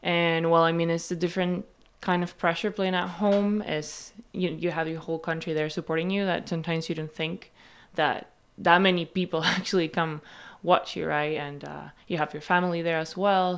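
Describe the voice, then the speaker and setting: A young woman in her twenties from Argentina, a university basketball player and interview guest, answering with hesitant pauses and fillers. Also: deep voice, steady tone, clear, resonant tone, lo-fi sound. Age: 20s. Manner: hesitant, many filler uhs, speaks in short phrases.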